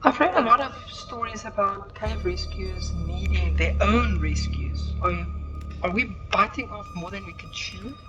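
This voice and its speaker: Expressive woman with very lively, swooping pitch. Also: a little slow, muffled recording. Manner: expressive, acts out the characters' lines. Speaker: game streamer. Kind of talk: reading game dialogue aloud in a playthrough. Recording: music behind the voice. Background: game music.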